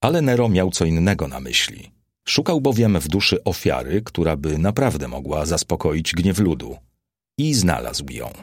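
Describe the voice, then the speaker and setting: Deep, husky male audiobook narrator. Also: big pitch swings, normal speed, no echo, studio quality.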